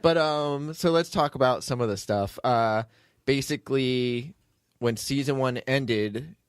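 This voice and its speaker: An unhurried man with a medium-pitched, clean voice hosts a casual behind-the-scenes podcast about the audio drama he writes and produces. He rambles, jokes, and is self-deprecating. The studio sound is clean, with no room sound.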